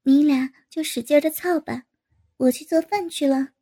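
A woman's voice: sits high, normal speed, dark tone. A woman voicing a bashful young adult daughter who scolds and teases with a laugh. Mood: teasing.

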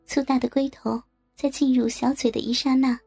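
Brief: high, husky female narrator for an erotic audio story, warm and creaky, faint music behind. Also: level tone. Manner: slow, soft, intimate storytelling.

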